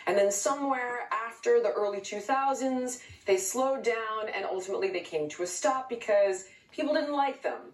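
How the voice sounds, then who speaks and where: A woman from California pressing her case as an interview guest, angry and insistent. Her voice sits a touch high, and it comes through roomy and a little distant from the mic. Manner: outraged, rapid-fire, emphatic. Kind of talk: heated remote interview.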